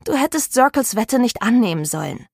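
A woman's voice: fairly high pitch, very animated, fairly quick, breathy edge, dry recording, clean studio sound, heavily acted. A woman voicing a young woman who scolds her drunk best friend. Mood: scolding. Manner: scolding, matter-of-fact.

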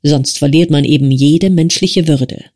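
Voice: mid-range voice, a little slow, darkish tone, natural voice. A reader voicing a frail young man who pleads in a strained, rising voice in an audiobook. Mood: earnest. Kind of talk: audiobook character voice.

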